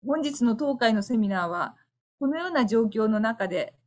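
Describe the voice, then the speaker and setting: A woman's voice: a little high, lively intonation, moderate pace, a little mellow. A woman opens an online seminar with a formal address. She speaks earnestly and politely, with the odd filler, through webinar audio. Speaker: bar association president giving opening remarks.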